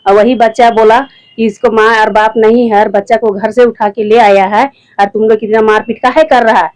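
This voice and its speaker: Speaking rural Jharkhand Hindi, a middle-aged mother from Jharkhand, India, who once served as village head, gives a reporter her account plainly, often repeating herself and quoting others. Her voice is a little high and a little mellow, flat in delivery and at normal speed. The recording is rough.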